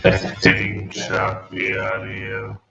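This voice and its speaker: Guy on a laggy video call, voice stutters and buffers, super slow and gravelly, echoey lo-fi sound. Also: deep voice, completely flat delivery, sharp tone. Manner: broken, stretched-out speech from a dropping connection. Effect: choppy, stuttering buffering audio over a video call. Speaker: audience questioner on a video call. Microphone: remote video call. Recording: echoey, lo-fi video-call audio with faint music.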